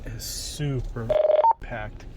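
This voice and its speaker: A man's voice: mid-range voice, steady tone, extremely slow, very noisy. A man giving casual, off-the-cuff vlog commentary as he tests a product. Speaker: product reviewer. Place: in or beside a car at a mall.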